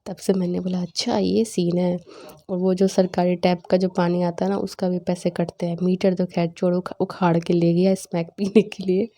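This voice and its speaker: A young woman in casual voice-over narration for a home vlog, chatty and animated as she retells family banter. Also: lowish voice, fairly quick, few pauses. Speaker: vlogger.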